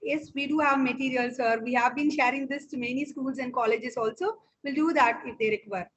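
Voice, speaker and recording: A woman's voice: high voice, steady tone, fast, dull audio. A woman with an Indian Tamil accent, an instructor deferentially explaining a course in an online meeting. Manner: deferential, often saying sir. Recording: online call with faint noise, clicks.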